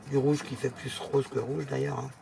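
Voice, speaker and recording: A woman's voice: extremely low pitch, level tone, normal speed, creaky, mellow, a little hiss or hum. A woman giving a chatty, casual step-by-step craft demonstration, explaining as she works. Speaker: craft tutorial host.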